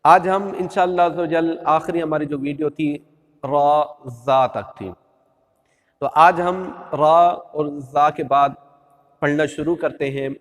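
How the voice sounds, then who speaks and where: A man's voice: fairly high pitch, fairly even intonation, big-room sound. A man with a Pakistani Urdu accent teaching Quran letters, patiently repeating the rules and stretching out each letter sound. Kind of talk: step-by-step recitation lesson.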